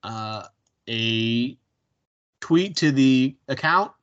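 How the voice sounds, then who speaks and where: A podcast co-host with a Pittsburgh accent rambles through casual chat, with lots of ums and restarts. His medium-pitched, fairly bright voice is animated but extremely slow. The audio is dull and lo-fi.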